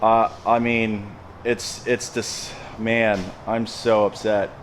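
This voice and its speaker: A man's voice: on the low side, little pitch movement, slow pace, slight background noise. A man running a landscaping business talks casually to a handheld camera, plain-spoken and emphatic, often repeating his phrases. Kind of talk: casual vlog talk to camera.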